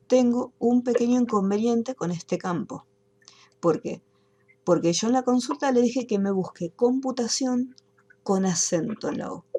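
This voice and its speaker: A woman teaching an online class, explaining software steps patiently one by one. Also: mid-range voice, breathy edge. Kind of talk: screen-recorded software tutorial.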